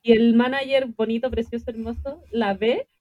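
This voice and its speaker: A woman's voice: a little high, fairly even intonation, moderate pace, no room sound, lo-fi sound. A young Chilean woman in casual podcast chat, chiming in with short agreeing, slangy replies. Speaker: podcast co-host.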